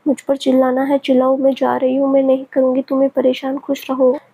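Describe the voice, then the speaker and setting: A feisty, quarrelsome young woman who answers back sharply, as a woman storyteller voices her. Her voice is high and mellow and stays fairly level. There is a husky edge to it. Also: completely flat delivery, a little fast, lo-fi sound, full character voice.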